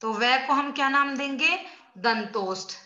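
A woman's voice: high-pitched, measured pace, sharp tone. A woman teacher giving an online class, explaining step by step and quizzing her pupils as she goes. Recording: dull lo-fi sound in an echoey room.

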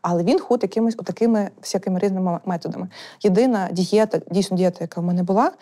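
Young woman rattling off stories super fast, mellow low-key tone, chatty guest. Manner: rapid, chatty, animated storytelling. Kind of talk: candid casual chat.

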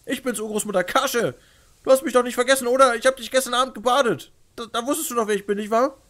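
A man's voice: very high voice, quick pace, a bit bright, pitched above the performer's own voice. A man voicing a grieving, devoted young great-grandson in a narrated game story, pleading and emotional. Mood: desperate pleading.

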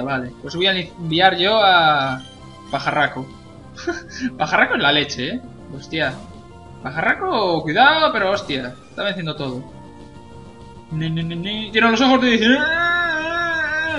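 A man's voice: on the high side, big pitch swings, moderate pace, sharp tone, faint music behind. A young man, commenting on a video game in a joking, cursing way. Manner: jokey, swears a lot, laughs at own jokes. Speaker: gameplay commentator. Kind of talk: casual let's play commentary.

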